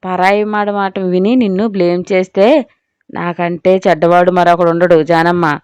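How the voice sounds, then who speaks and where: A woman's voice: lowish voice, flat delivery, moderate pace, darkish tone, clear, resonant tone, dry recording, lo-fi sound, close to an everyday voice. A woman voicing a hot-tempered, proud young husband who speaks defiantly and angrily in an audio story. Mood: serious. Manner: defiant, boastful, angry.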